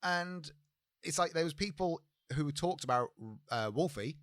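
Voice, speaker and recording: A man's voice: a little high, a little slow, a bit bright, dry recording. Blunt, sweary man in dry sound. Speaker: podcast co-host. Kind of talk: casual chat.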